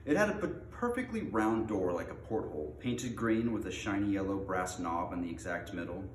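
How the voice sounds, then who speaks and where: A man hosts a storybook read-aloud, starting with a casual introduction and reading in an informal, unpolished way. His voice sits low, animated and fairly quick, in an echoey room with faint noise.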